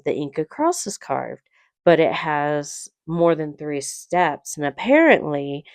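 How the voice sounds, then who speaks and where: A woman's voice: low voice, darkish tone, smooth, dry recording. A woman casually narrating her trip in a home voice-over, rambling a bit and unsure of place names.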